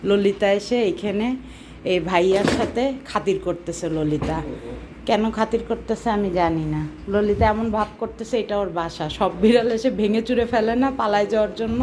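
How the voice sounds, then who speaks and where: A woman's voice: mid-range voice, normal speed, background noise. A woman, chatting casually and teasingly to cats and her camera, coaxing them along. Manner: coaxing, teasing talk to pets. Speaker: cat caretaker vlogger.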